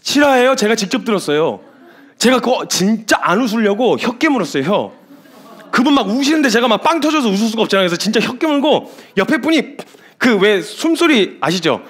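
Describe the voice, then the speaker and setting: High, animated male preacher. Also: fairly quick. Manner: emphatic storytelling with lively asides. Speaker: missionary preacher. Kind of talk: sermon.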